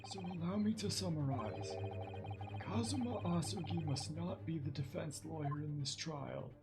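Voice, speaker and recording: A man doing a measured, formal old professor. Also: a little high, gravelly, background noise. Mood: grave. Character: courteous elderly male professor, formal and measured. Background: game music.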